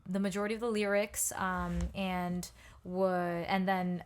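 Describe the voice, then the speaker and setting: A young woman who sings and writes songs chats casually as a guest on a podcast, full of ums and likes and easy laughter. Her voice sits at a medium pitch with little movement, and she keeps a measured pace.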